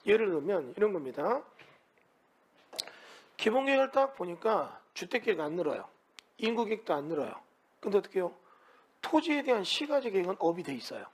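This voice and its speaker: Animated husky male real estate lecturer. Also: sits high, fairly quick, pauses often. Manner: animated, asks students many rhetorical questions. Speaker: real estate law instructor. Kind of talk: lecture to students.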